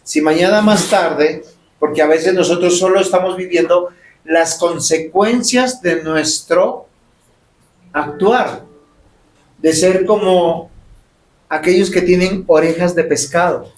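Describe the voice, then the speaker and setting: A pastor preaches a sermon in a church sanctuary, emphatic and packed with rhetorical questions. His high-pitched voice takes things slowly, with a roomy church echo around it.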